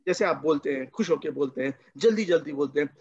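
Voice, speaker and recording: A man's voice: a little high, fast talker, a little mellow, husky, dull audio. A man, a guest children's author, teaching a playful, enthusiastic storytelling lesson over a video call, mixing Hindi and English.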